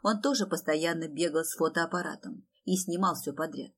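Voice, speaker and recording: A woman reading aloud, voicing a kind older man who speaks softly and slowly with sorrow. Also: deep voice. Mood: gentle sad.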